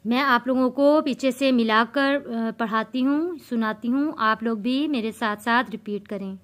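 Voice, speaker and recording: High, slow, clear-voiced woman teaching recitation. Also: fairly bright tone. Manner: spells letters and vowel marks, then drawls the joined syllables. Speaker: Quran reading teacher. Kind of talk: slow step-by-step recitation lesson.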